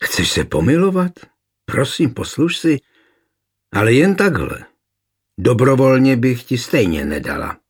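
A man's voice: medium pitch, very animated, husky. A man reading an audiobook voices a defiant, scheming young noblewoman held captive, spitting insults at her husband.

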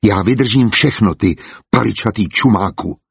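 A husky-voiced man reading the part of a tired, insistent pregnant wife in a storybook, nagging and pleading. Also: lowish voice, dry recording, heavily acted. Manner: pleading and nagging, sharp at times.

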